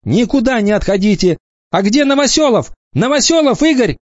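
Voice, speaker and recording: A man voicing a young female teacher who shouts names and scolds a crowd of small children. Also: very high-pitched, big pitch swings, normal speed, no echo, muffled recording, voice pushed up, exaggerated voice. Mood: scolding, flustered.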